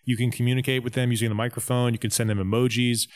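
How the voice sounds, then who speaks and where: A man co-hosting a casual gaming podcast, relaxed and rambling, with lots of "um" and "you know". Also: mid-range voice, quick pace, no echo. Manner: relaxed, lists things, many "um"s and "you know"s. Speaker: podcast co-host.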